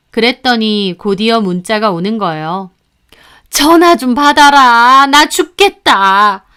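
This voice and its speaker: A woman calmly narrating a first-person story in a scripted way. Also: mid-range voice, clear, resonant tone.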